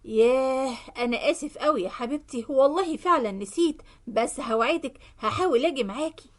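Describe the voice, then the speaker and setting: A woman plays a trusting middle-aged Egyptian company owner in a spoken story, slow and soothing. The voice sits high for a man. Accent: Egyptian Arabic. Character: kindly, gullible middle-aged male company boss.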